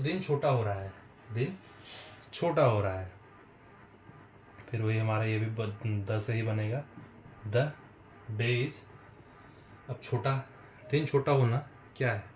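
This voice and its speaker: A man teaching a spoken English lesson, explaining patiently and repeating phrases slowly for his viewers. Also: medium pitch, echoey room, slight background noise. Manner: slow, repetitive explaining, addresses viewers as friends.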